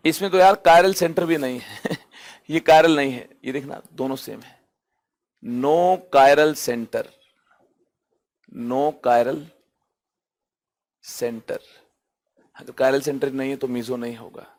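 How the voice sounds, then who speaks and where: A man's voice: mid-range voice, fairly even intonation, moderate pace. A man teaching chemistry, asking rhetorical questions and answering them himself, stretching out key terms for emphasis. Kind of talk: online lecture.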